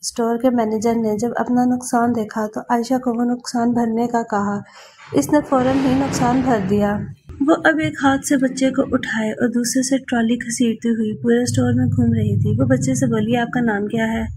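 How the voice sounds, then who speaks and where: Woman narrating a romance audio novel, steady read, highish voice, lil bit of hiss. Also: normal speed.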